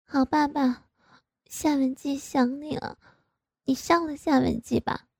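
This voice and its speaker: A woman's voice: high voice, unhurried, mellow, dry recording, studio quality, voice pushed up. A woman voicing a coy, pouty young married woman in an audio story, speaking in a raised, wheedling voice.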